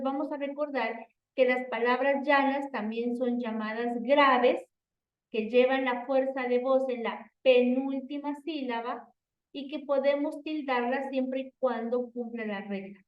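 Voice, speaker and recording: Slow-speaking woman teaching in an echoey room. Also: fairly high pitch. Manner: slow, repetitive explaining with frequent "entonces" and "por favor". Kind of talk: online class lesson. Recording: echoey, distant, dull online audio.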